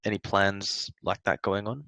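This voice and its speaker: A man hosting an AMA interview, casual and agreeable, asking questions with quick affirmations. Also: fairly low pitch, fairly even intonation, creaky, sharp tone, dry recording. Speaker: interview host.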